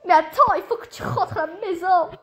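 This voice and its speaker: A woman's voice: very high-pitched, fairly quick. A woman voicing a fussy, worried father of a teenager in a toy-game story, exasperated and fretting. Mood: indignant.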